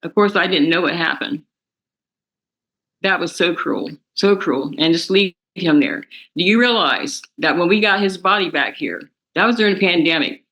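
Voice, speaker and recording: A woman's voice: lowish voice, moderate pace, fairly bright tone, rough recording. A woman from the victim's family speaking to the defendant in a courtroom, emotional and accusing, repeating herself as she talks. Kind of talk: spoken victim impact statement.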